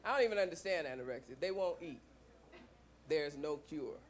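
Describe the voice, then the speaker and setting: A man's voice: on the high side, expressive, fairly quick, crowd noise. A man performing stand-up comedy in a conversational, observational way, talking directly to a live audience. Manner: conversational, observational, acts out quoted lines. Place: comedy club stage. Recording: noisy live club recording with audience. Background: audience noise and laughter.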